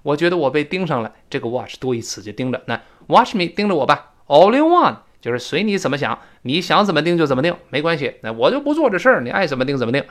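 A man teaching English pronunciation, repeating phrases slowly to demonstrate them. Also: a little high, sing-song, fairly bright tone. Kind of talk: pronunciation lesson.

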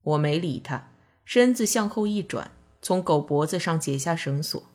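A woman narrating a novel as an audiobook, in calm, measured storytelling. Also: low-pitched.

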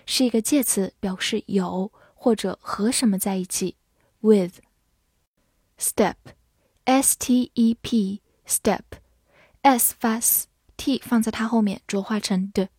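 A woman teaching English vocabulary, spelling each word letter by letter and reading the example sentences slowly and clearly. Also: on the high side, dark tone, no echo, clean studio sound. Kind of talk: slow, careful vocabulary lesson.

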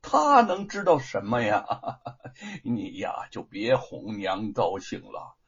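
A man voicing a worried, tender older mother in a spoken storybook, soft and chiding. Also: medium pitch, huge pitch swings, takes it slowly, husky, lo-fi sound, voice pushed down, exaggerated voice. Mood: doubting.

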